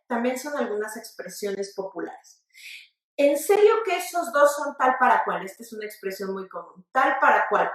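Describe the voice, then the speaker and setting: A high-voiced woman with a Mexican Spanish accent teaches spelling in an online grammar lesson from a studio set with a floor manager. She is lively, speaks straight to viewers, and asks them to repeat aloud. The audio has heavy reverb and a distant mic.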